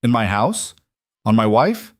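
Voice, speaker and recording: A man's voice: fairly low pitch, sing-song, a little slow, no room sound, clean studio sound. A man doing a tense young mafia boss. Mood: furious. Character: young mafia boss husband, controlled and guarded.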